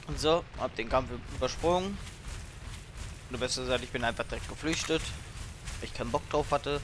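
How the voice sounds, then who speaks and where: A man's voice: medium pitch, a little fast, background noise. A man giving casual let's play commentary, thinking aloud in an informal, grumbling way. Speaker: let's player, streamer. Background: game music and sound effects.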